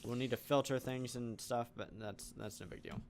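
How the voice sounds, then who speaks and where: A man's voice: medium pitch, steady tone, normal speed, a little mellow, a little hiss or hum. A man hosting a game channel, thinking aloud in casual let's play commentary as he builds. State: hiccuping. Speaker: gaming channel host.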